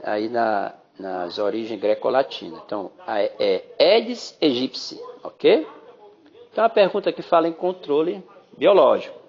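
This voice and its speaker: Brazilian male biology teacher, gravelly voice, chatty podcast lesson, dull phone-app recording. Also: mid-range voice, expressive, normal speed, darkish tone. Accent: Brazilian Portuguese. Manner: chatty, addresses listeners as "galerinha", frequent "né?". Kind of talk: podcast exam-prep lesson.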